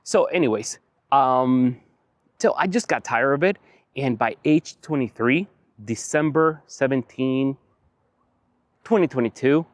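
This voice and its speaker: A man speaks earnestly to the camera, leaning on repeated phrases to drive his point home. His voice sits at an ordinary middle pitch and sounds close and dry, with little room around it, even though he is outside on a windy evening. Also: unhurried, pauses often, no room sound. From Venezuela. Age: 40s. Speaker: vlogger. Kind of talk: motivational talk to camera.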